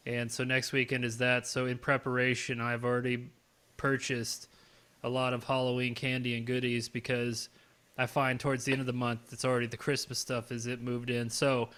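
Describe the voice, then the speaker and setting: A man co-hosting a podcast in a relaxed, rambling way, laughing now and then. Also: mid-range voice, moderate pace, clean tone. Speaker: podcast co-host. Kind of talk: casual chat.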